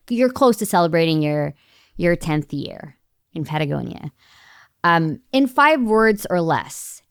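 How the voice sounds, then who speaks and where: A woman hosting a podcast interview from her home studio, relaxed and asking playful quick-fire questions. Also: fairly low pitch, smooth, no echo. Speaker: podcast host. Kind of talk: casual interview chat.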